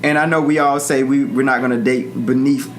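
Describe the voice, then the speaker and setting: A man of thirty co-hosting a podcast, who often backs the other speaker up with quick sounds of agreement. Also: medium pitch, steady tone. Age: 30s. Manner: affirming, frequent agreement sounds. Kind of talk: casual conversation.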